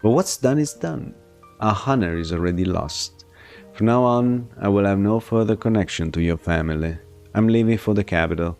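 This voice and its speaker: A man's voice: lowish voice, normal speed, a little mellow, faint music behind, close to an everyday voice. A man voicing a bitter, proud young nobleman, the scornful eldest son, with a haughty, cutting delivery.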